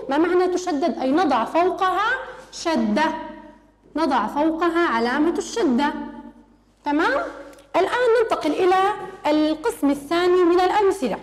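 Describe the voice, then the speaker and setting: A woman with a high, light voice teaches a children's lesson, speaking patiently and drawing out example words slowly so the pupils can follow. Her voice carries a long reverb, as if recorded in a bare, echoing room. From Lebanon. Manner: patient, addresses pupils warmly as little ones, slow drawn-out demonstration words. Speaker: primary school Arabic teacher.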